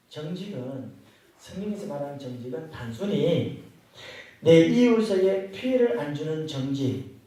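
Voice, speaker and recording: A male pastor delivers a sermon with a lively, swinging pitch that climbs and falls as he makes his points. His voice sits a little high but sounds warm and mellow. He keeps asking his congregation questions, and the whole recording rings with heavy reverb from a church hall captured far from the mic. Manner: expository preaching with rhetorical questions to the congregation. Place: church sanctuary.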